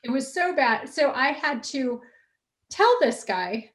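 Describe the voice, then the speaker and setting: A woman recruiter, a guest on a video-call interview, telling animated stories and laughing often. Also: high voice, slow, slight background noise. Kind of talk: casual storytelling in an interview.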